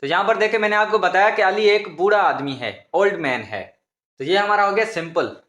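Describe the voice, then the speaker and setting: A man's voice: sits high, brisk, a bit bright, roomy sound. A man teaching English grammar in a patient, repetitive lesson, often calling his viewers students. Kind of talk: explanatory classroom lesson.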